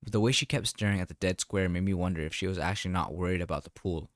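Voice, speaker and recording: Deep-voiced man telling a wry story. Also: no room sound, studio quality. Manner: calm, wry and deliberate. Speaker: narrator. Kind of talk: first-person story narration.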